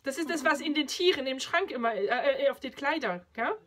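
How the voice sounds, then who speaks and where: A woman from France, hosting a casual language chat, lively and quick to laugh. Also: sits high. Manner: lively, laughs often, switches between French and German. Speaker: host.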